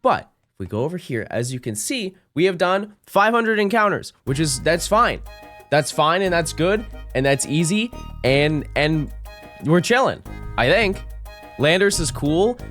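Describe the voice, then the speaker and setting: A male streamer speaks into a headset mic with game music running underneath. His voice jumps all over, from shouted hype down to mock-sad mutters. His throat sounds a little sore. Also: fairly high pitch, very animated, a little slow. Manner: swings between hyped shouting and mock-sad mumbling. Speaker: livestreamer. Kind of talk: casual livestream chat. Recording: game music playing behind.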